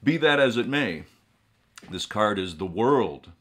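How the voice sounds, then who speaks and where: A middle-aged man playing a ghoulish horror host, speaking in a drolly morbid, theatrical, drawn-out manner. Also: fairly low pitch, lively intonation, fairly bright tone. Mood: theatrically solemn. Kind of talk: comic horror-host monologue to viewers. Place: small indoor room with collectible shelves.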